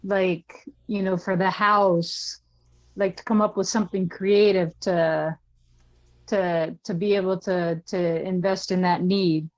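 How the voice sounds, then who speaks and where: A woman's voice: fairly low pitch, steady tone, slow pace, dry recording. Earnest woman on a dry call. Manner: earnest, repeats herself to stress a point. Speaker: missionary in class. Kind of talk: casual group discussion. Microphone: video call. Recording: dry, muffled call audio.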